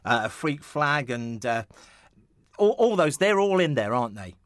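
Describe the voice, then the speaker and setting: Lively, stumbling man hosting radio. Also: medium pitch, a little slow, no echo, studio quality. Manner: rambling, full of restarts and fillers; jovial, chuckling. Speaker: radio host. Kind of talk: casual interview chat. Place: radio studio.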